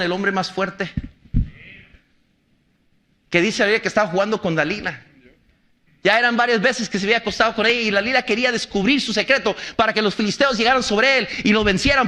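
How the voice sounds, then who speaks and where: A pastor delivers an impassioned sermon. His voice sits very high for a man and cuts through with a sharp, bright edge. He hammers his point with repeated rhetorical questions and at times breaks into shouting.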